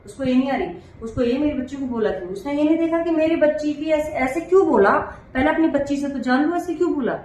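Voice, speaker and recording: A woman's voice: high voice, fast, hardly any pauses, very echoey. A woman telling an indignant story in casual chat, acting out what others said. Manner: animated, indignant storytelling with acted quotes. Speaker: vlogger, mother. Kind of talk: casual chat, recounting a quarrel.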